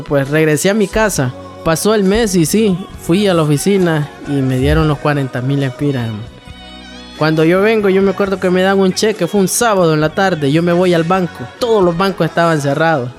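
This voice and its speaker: A man telling a personal faith testimony, acting out the dialogue and calling the listener "hermano". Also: fairly high pitch. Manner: storytelling, acts out dialogue, addresses listener as "hermano". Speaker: testimony speaker.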